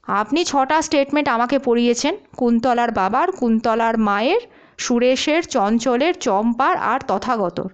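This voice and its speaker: A woman voicing a sharp male police chief who asks probing, clipped questions. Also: fairly high pitch, lively intonation, moderate pace, clear, resonant tone, dull audio, lightly acted.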